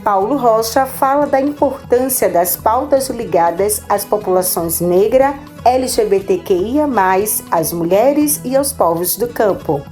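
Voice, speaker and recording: A woman with a Pernambuco Brazilian accent hosts a podcast, reading her script in a steady way. Her tone is mellow and even, with faint music beneath. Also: mid-range voice, measured pace. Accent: Pernambuco Brazilian Portuguese. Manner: steady, read-aloud delivery. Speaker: podcast host.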